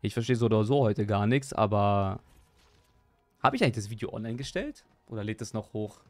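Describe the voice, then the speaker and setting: A young man chatting live while he plays a game, excitable, repeating his exclamations and joking at his own expense. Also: lowish voice, fairly quick, no room sound, faint music behind. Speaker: gaming streamer. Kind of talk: live gameplay stream chat.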